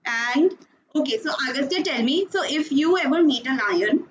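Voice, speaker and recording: High-voiced woman teaching kids online. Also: expressive, moderate pace, a crowd in the background. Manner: encouraging, coaxing, praises often. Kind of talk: online class for children. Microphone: video call. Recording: dull video-call audio with noise.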